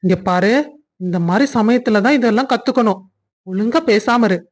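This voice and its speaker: Cartoon role: a woman playing a playful, bossy young husband, a bit high-voiced. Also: moderate pace, lightly acted. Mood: firm. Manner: teasing, bossy. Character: young husband Santhosh, teasing and affectionate. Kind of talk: cartoon family drama voice acting.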